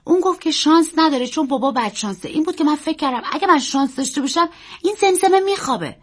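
A woman's voice: high-pitched, voice pushed up. A woman voicing an earnest, secretive young boy who talks in an urgent, pleading way. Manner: urgent, pleading, quick and excited.

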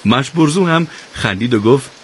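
A man narrating a novel as an audiobook, with animated storytelling. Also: mid-range voice, breathy edge.

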